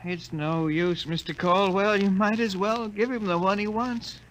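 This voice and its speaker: A man's voice: high voice, fairly even intonation, unhurried, a bit bright, rough recording. An actor playing a hesitant, flustered father in a 1950s radio drama.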